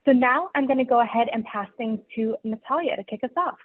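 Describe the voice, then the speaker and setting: A woman's voice: on the high side, brisk, no room sound. A woman program specialist introducing a webinar in a friendly way, with frequent hesitations. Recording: dry, phone-like call audio.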